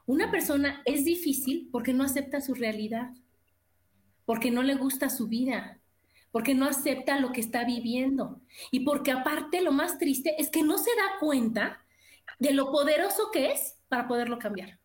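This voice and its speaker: A high-pitched woman with a Mexican accent talks in a casual, motivational way. She gives quoted voices their own lively color. The recording carries a noticeable room echo. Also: moderate pace. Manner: animated, acts out quoted voices. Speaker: guest speaker.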